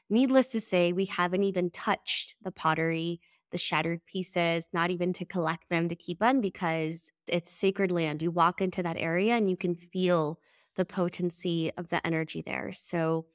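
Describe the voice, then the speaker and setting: A woman's voice: fairly low pitch, no echo, clean studio sound. A woman hosting a solo podcast episode, sounding nasal and congested from a head cold, in an earnest, reflective manner. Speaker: podcast host.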